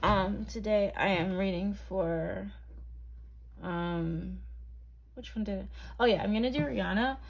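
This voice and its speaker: A woman's voice: medium pitch, unhurried, gravelly. A young woman from Barbados, reading tarot cards to camera in a chatty, hesitant way full of ums and likes. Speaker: tarot reader.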